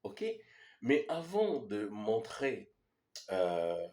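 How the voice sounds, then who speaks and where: Low-voiced man. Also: very animated, extremely slow, warm tone. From New Caledonia. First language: Iaai. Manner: patient, repeats "ok?" to check understanding. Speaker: language teacher. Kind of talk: explaining a language lesson.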